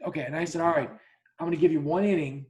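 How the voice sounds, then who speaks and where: Guy hosting a podcast, bit higher voice, keeps restarting sentences, blunt and sweary. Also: steady tone, fast talker, darkish tone. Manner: talks in repeated restarts and acts out both sides of quoted dialogue. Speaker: podcast host. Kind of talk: casual conversational storytelling.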